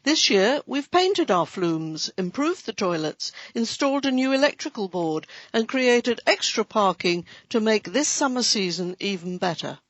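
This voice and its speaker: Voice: medium pitch, big pitch swings, measured pace, hardly any pauses, fairly bright tone, no echo. A reader giving a scripted, light-hearted reading of a local council magazine, with playful asides. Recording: dry, dull lo-fi recording.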